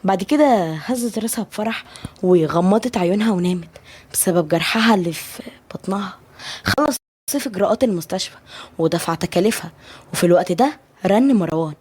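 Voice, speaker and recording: Fast Egyptian woman storyteller. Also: mid-range voice, lively intonation, darkish tone, breathy edge. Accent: Egyptian Arabic. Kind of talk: read romance story narration.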